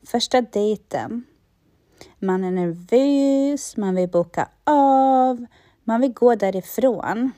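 Woman, guided affirmations, slow and calm, mellow warm tone, dry close sound. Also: a little high, dry recording. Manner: slow, calm, repeats lines for the listener.

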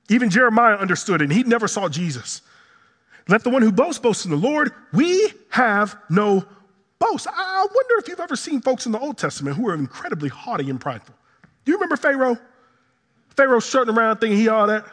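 Husky, impassioned preacher in a hall. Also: male voice, fairly bright tone. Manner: impassioned preaching with dramatic swings of pitch and volume. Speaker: pastor. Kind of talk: sermon.

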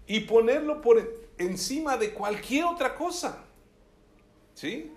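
A man's voice: very high voice, expressive, slow. A male preacher giving a sermon, reading scripture aloud and often checking in with his listeners. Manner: keeps asking the listeners "¿sí?"; reads scripture aloud with emphasis.

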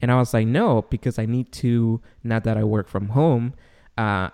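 Clear-voiced non-native man, echoey warehouse-like room. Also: a little mellow. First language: not English. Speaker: podcast host. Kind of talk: casual chat. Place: large, tall apartment room. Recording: echoey voice in big, high-ceilinged room.

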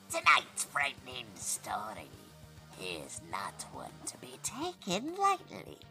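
A man voicing Morty, a male robot radio host who tells scary stories in a slow, theatrical manner. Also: medium pitch, wildly swooping pitch, gravelly, over music, pitched above the performer's own voice, heavily acted, rough recording. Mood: spooky theatrical. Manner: slow, theatrical spooky storyteller.

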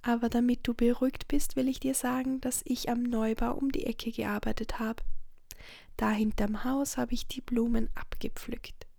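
A woman reading a children's story aloud in a soft, slow whisper, with small slips and restarts. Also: on the high side, flat delivery, gravelly, no echo, studio quality.

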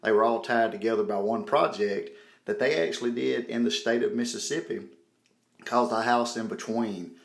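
A man's voice: mid-range voice, normal speed, gravelly. A man hosting a podcast, talking casually to his listeners as he introduces the show. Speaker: podcast host. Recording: roomy echo, faint music behind.

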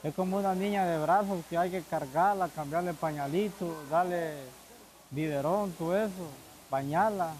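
A man's voice: high-pitched, moderate pace, crowd noise, poor audio. A man in his twenties with a Honduran accent, answering interview questions in a hesitant way, repeating words and using many fillers. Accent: Honduran Spanish. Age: 20s. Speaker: interview guest, migrant father. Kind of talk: halting conversational answers.

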